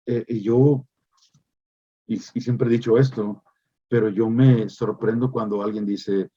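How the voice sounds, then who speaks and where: A male pastor delivering a sermon in an emphatic preaching manner, repeating phrases and pausing with hesitant fillers. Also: on the low side, steady tone, dark tone, husky, lo-fi sound.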